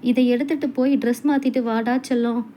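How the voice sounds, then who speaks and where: A woman's voice: on the high side, steady tone, fairly quick, dark tone, a little hiss or hum, lightly acted. A woman voicing a caring widowed father who talks to his daughter tenderly and anxiously. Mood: soothing. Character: caring widowed father, middle-aged man.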